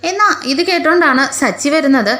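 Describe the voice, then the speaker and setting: High-voiced woman with an Idukki Malayalam accent. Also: lively intonation, fairly quick, sharp tone. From Kerala, India. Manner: retells scenes chattily, often ending lines with a tag particle. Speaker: storyteller recapping a TV serial. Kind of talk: casual spoken recap with quoted dialogue.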